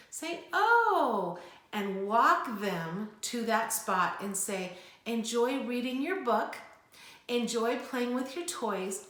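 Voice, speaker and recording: An older woman talks parents through handling children's whining, earnest and reassuring. Her voice sits a little high. The room adds a noticeable echo. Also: fairly bright tone. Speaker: preschool owner. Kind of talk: parenting advice talk to camera. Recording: echoey room.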